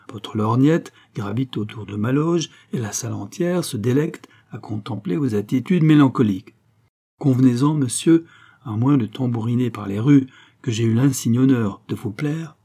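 A man's voice: medium pitch, normal speed, dark tone, slightly rough. A man reading aloud, voicing a haughty aristocratic lady with a cold, mocking, imperious manner.

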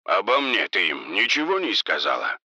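A man's voice: low-pitched, huge pitch swings, normal speed, bright, forceful tone, no echo, full character voice. A man voicing an angry drug boss who speaks harshly and menacingly.

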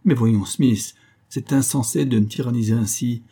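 A man's voice: mid-range voice, normal speed, mellow, slightly rough. A man reading an audiobook, voicing a frightened, scheming scholar who pleads and protests. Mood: pleading. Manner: pleading, agitated, cornered.

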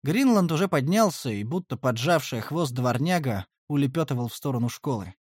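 A man's voice: mid-range voice, expressive, fairly quick, dry recording. A man narrates a first-person fantasy audiobook in a wry, conversational tone. His voice sits in a middle register. The recording is close and dry, with no room sound.

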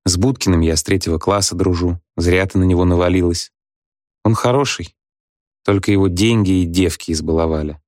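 A man's voice: low voice, fairly even intonation, brisk, a little mellow, no room sound, studio quality, lightly acted. A man reading a story, voicing a meek, evasive husband who answers mildly and quotes proverbs. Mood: placating. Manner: mild, placating, proverb-quoting.

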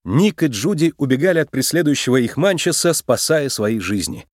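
A man narrating a children's storybook aloud with an expressive, animated reading. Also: mid-range voice, normal speed, dry recording, studio quality.

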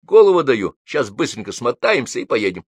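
A man's voice: medium pitch, big pitch swings, brisk, slightly rough, no echo, pitched above the performer's own voice. A male reader voicing a bossy, insistent neighbor in a raised, folksy voice for an audiobook. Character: pushy loud middle-aged male neighbor.

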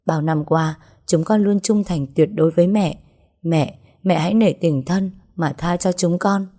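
A woman's voice: lowish voice, a little slow, mellow. A woman voicing a loyal young adopted daughter pleading for mercy.

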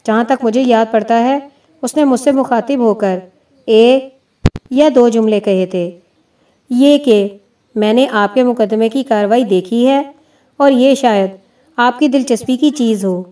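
A quiet, principled man who answers calmly and gives little away, read by a woman with a mellow voice. The sound is distant from the microphone. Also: on the high side, lightly acted. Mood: guarded. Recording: distant mic.

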